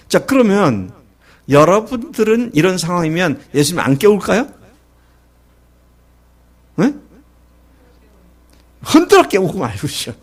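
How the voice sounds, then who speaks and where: A man's voice: a little high, slightly rough. A middle-aged male pastor preaching a sermon, who asks his listeners questions and acts out the quoted lines of the story. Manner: lively preaching, acting out Jesus and the disciples in quoted lines; asks the congregation questions and answers them.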